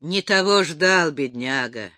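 A woman narrating a historical novel as an audiobook, in a measured, expressive way. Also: sits low, dry recording. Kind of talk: scripted narration.

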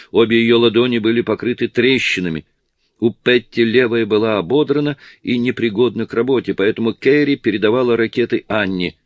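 A man reading a novel aloud in steady, measured audiobook narration. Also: mid-range voice, no room sound. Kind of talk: scripted narration.

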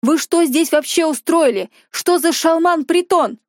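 A stern middle-aged mother scolds her daughter in a high, clipped voice, as a woman narrating an audiobook voices her. The sound is dry and close to the mic. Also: a little slow, dry recording. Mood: indignant.

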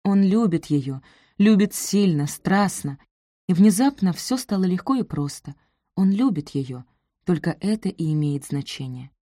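A woman narrates a romance novel in a smooth, even way. Her voice sits low and sounds warm and mellow. The recording is close and dry. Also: a little slow, no echo. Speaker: audiobook narrator.

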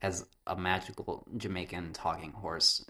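A man's voice: sits low, level tone, normal speed, pushed and bright. A man rambling through a casual comedic chat, laughing often and swearing.

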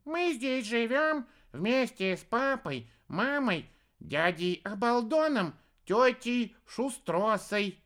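Squealing tiny otter kids. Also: male voice, very high voice, very animated, a bit bright, pitched above the performer's own voice, heavily acted. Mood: eager. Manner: rapid chattering squeals. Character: tiny squeaky otter-like creature children, excited.

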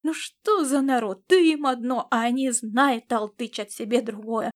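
A woman voicing a tall, picky male spy and gourmet who loudly protests and scolds. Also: high voice, normal speed, natural voice. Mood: grumbling. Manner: indignant, loud outbursts.

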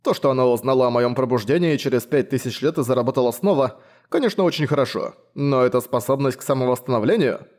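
A man's voice: medium pitch, quick pace, few pauses, darkish tone, close to an everyday voice. A man voicing a vain, cowardly old vampire baron who talks in a pompous, indignant way.

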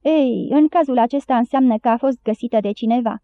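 Fretful old doctor in a storybook reading , done by a woman, pitched up, thin tinny sound. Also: natural voice. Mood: tearful. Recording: dry, tinny phone-like sound.

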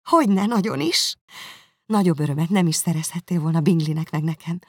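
A woman voicing a gentle, trusting young woman speaking earnestly to her sister, in an audiobook reading. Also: low voice, no room sound, studio quality, voice pushed up. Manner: earnest, incredulous, warm. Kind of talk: audiobook character voice.

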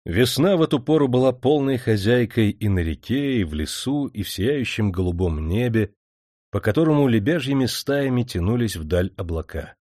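A man narrating an audiobook in a measured, expressive storytelling manner. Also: mid-range voice, no room sound, clean studio sound.

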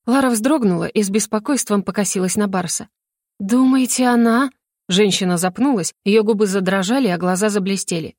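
A woman narrating an audiobook in a steady storytelling voice. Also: medium pitch, fairly quick, few pauses, dry recording, clean studio sound.

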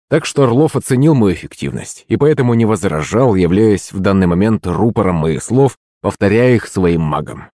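A man reading a fantasy audiobook as a steady, even first-person narration. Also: fairly low pitch, no echo, studio quality.

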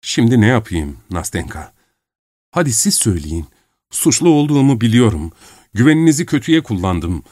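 A man's voice: mid-range voice, very animated, normal speed, darkish tone, no room sound, clean studio sound. A man reading a novel aloud, giving heartfelt, earnest lines to a lovesick young man. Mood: confessing.

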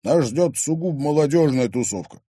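A man's voice: on the high side, lively intonation, fairly quick, mellow, no room sound, studio quality, pitched above the performer's own voice. A man doing Dimka, a cheeky breezy teenage boy. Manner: breezy, joking.

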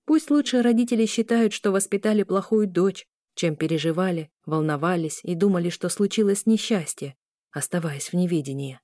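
Female audiobook narrator, calm and even, warm dark tone, dry close recording. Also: on the low side, moderate pace, dry recording.

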